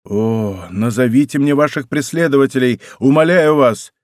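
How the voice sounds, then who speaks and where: A man's voice: medium pitch, normal speed, no room sound, studio quality, lightly acted. A man playing a desperate, passionate king. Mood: impassioned. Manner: impassioned, loud outbursts. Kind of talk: audiobook character voice.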